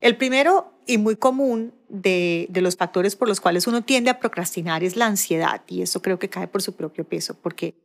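Solo podcast host, middle-aged woman, Barranquilla Colombian accent, quick and chatty, self-deprecating. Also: mid-range voice. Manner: warm conversational, fast-talking, self-deprecating asides.

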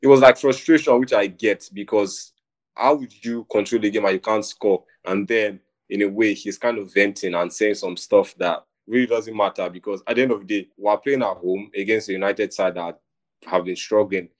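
A young man, co-hosting a casual football chat in a rambling, animated way. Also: on the low side, normal speed. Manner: animated, rambling, says "bro" a lot. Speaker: podcast co-host.

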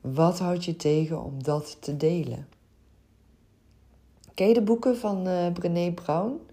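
A woman's voice: fairly low pitch, slow, mellow. A middle-aged woman from the Netherlands hosting a podcast, talking in an earnest, open way with frequent hesitations. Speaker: podcast host and childcare coach. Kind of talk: reflective podcast monologue.

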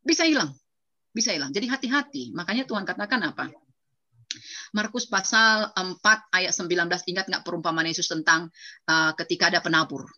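Bright-voiced woman preaching, lo-fi. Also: fairly low pitch, fairly quick. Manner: lively, acts out quoted voices and sound effects. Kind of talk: sermon to young adults. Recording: dull lo-fi recording.

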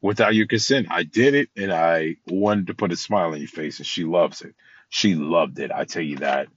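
Male podcast host, deep and earnest, meandering delivery, dry close recording. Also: moderate pace, breathy edge, no echo, lo-fi sound. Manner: rambling, heartfelt, many restarts. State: tired. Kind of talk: casual motivational talk.

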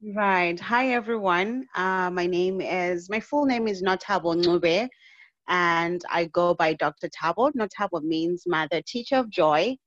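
Woman, 30s, from Zimbabwe, podcast guest; lower voice, earnest storyteller, slightly dull audio. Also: a little slow, no echo. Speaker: guest, physician and inspirational speaker.

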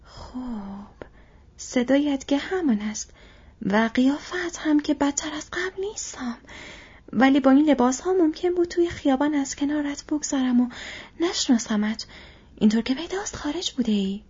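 A woman's voice: high-pitched, animated, slightly rough, voice pushed up, exaggerated voice. A woman reading the part of a sturdy middle-aged male hobbit farmer who speaks bluntly and heartily. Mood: wary. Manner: blunt, hearty, calling out loudly. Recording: dull lo-fi audio.

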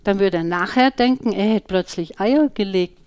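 A woman voicing a small, excitable, curious boy in a storybook, high and loud with bubbling giggles. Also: normal speed, no echo, close to an everyday voice. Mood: giggly. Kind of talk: storybook character voice.

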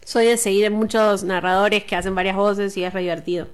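A woman's voice: mid-range voice, fairly even intonation, fairly quick, clear, resonant tone. A woman with an Argentine accent, co-hosting a podcast in casual, playful chat, often laughing. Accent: Argentine Spanish. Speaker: podcast co-host.

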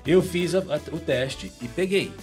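A Brazilian voice actor and dubbing director chatting casually in an interview, telling animated stories. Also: male voice, on the high side, a little slow, soft background music. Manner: animated storyteller, acts out quotes. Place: home recording in the United States.

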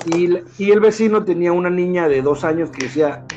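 A man's voice: high voice, fairly quick, muffled recording, slight background noise. A man in his thirties with a Mexican Spanish accent, telling a personal story in casual, slangy chat full of filler words. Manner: slangy, animated, peppers speech with filler words.

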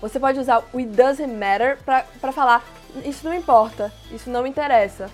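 A woman teaching everyday English phrases, explaining plainly and repeating each phrase slowly. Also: high voice, faint music behind. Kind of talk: casual language lesson.

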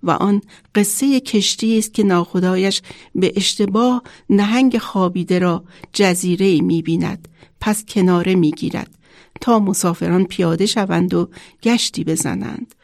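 A woman's voice: fairly low pitch, gravelly, darkish tone, dry recording, studio quality. A woman voicing a wise, protective wind spirit that guides a child, speaking in a solemn, instructive storybook manner.

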